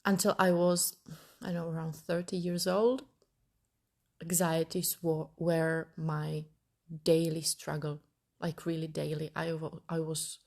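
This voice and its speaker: A podcast host in her thirties, originally from Italy, thinks aloud through a personal monologue while searching for the right words. She speaks in a low, slightly mellow voice with vocal fry.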